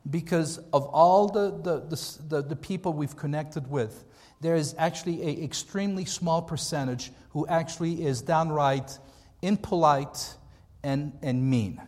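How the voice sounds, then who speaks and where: A man's voice: a little high, measured pace, darkish tone. An American man, a pastor giving an informal training talk, conversational and given to repeating points for emphasis. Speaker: pastor, seminar speaker. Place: large hall, speaking to a group. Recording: echoey hall with long reverb.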